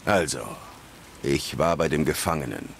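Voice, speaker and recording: Deep gravelly stoic monster hunter. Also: male voice, moderate pace, slight background noise. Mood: stoic, dry. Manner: laconic, deadpan. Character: terse stoic male monster hunter, gruff and dry. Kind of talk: scripted video game dialogue in German dub.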